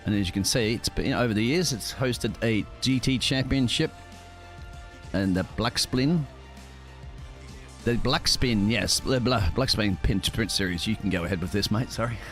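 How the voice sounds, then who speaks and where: A man's voice: lowish voice, moderate pace, soft background music. A man co-commentating a sim racing broadcast in a chatty way, tripping over names. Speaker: race co-commentator.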